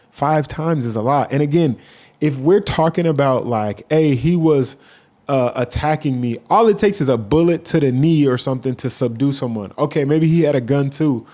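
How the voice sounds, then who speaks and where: Laid-back man with a dark voice, rambling. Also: medium pitch. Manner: rambling, profane, animated asides. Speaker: YouTube commentator. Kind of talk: casual reaction commentary.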